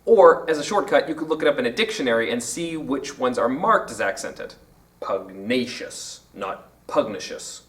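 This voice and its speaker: A man explaining poetry terms in an educational video lesson, with emphatic, drawn-out example words. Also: fairly high pitch, lively intonation, a bit bright, distant mic.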